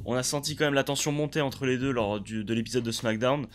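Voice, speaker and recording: A man giving a casual spoken review of a wrestling show, chatty and enthusiastic, often pausing on fillers. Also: medium pitch, faint music behind. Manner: chatty, hesitant with frequent fillers; enthusiastic play-by-play recap.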